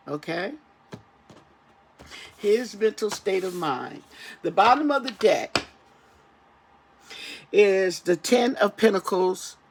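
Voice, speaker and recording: Slow, creaky-voiced tarot reader with halting delivery. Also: mid-range voice, a little hiss or hum. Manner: halting, repetitive, often checking with 'okay?'. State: recovering from an ear infection. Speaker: tarot reader, channel host. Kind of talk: casual spoken tarot reading to camera.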